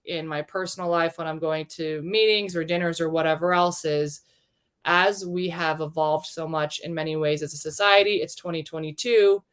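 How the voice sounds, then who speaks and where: A woman's voice: low voice, smooth. A woman hosting an interview show, upbeat and full of praise for her guest, talking over a video call. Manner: enthusiastic, effusive with praise. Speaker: host.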